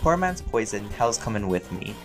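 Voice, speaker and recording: A man's lowish voice swings widely in pitch at a normal pace as he fields fan questions as a voice actor and audio creator. It's a chatty, playful, meandering Q&A where he thinks out loud, with music playing under him.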